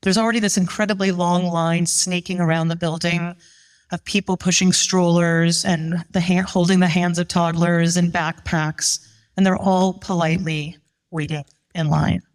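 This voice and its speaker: Middle-aged woman storyteller, a bit low, animated, acts out quotes, live show. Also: moderate pace, smooth. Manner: animated, voices the people she quotes.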